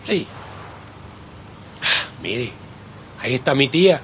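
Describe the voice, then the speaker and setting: A man's voice: medium pitch, sing-song, slow pace, a bit bright, a little hiss or hum. An actor playing a grieving young man who has lost his best friend, speaking emotionally. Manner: emotional, pleading. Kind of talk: dramatic acting.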